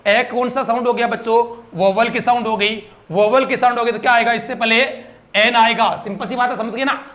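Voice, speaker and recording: A man's voice: very high voice, fairly even intonation, a little fast, fairly bright tone. A young man teaching a grammar lesson, asking his students questions and drilling the answers.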